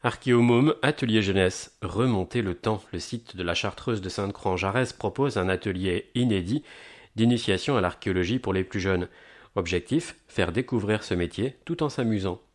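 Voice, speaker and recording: Male promo narrator, lowish pitch, upbeat and emphatic on headlines, scripted delivery. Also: normal speed. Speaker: announcer of a local events agenda.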